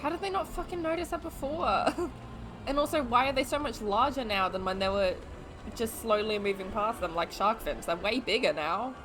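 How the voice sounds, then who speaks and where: A woman's voice: fairly high pitch, moderate pace, rough recording. A young Australian woman giving chatty movie reaction commentary, exclaiming at the screen and laughing often. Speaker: YouTube vlogger. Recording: film audio and music behind.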